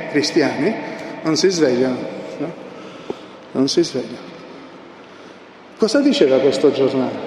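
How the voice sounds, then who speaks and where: Guy preaching hard in a big church, high voice, long reverb, faint hiss. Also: darkish tone. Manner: impassioned, emphatic, repeats key phrases. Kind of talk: sermon. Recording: echoey hall with long reverb, faint noise.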